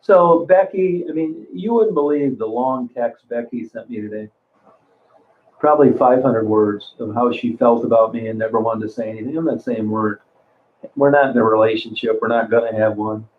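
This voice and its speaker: A man in his sixties speaks at normal speed in a mid-range voice, hosting a casual livestream and reading the chat. He rambles, curses freely and often restarts sentences, and the audio sounds narrow, like a phone.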